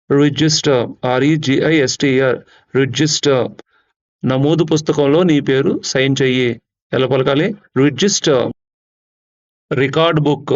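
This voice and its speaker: A man teaching English vocabulary, reading example sentences slowly and explaining them in a brisker manner. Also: mid-range voice, highs cut off. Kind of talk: vocabulary lesson.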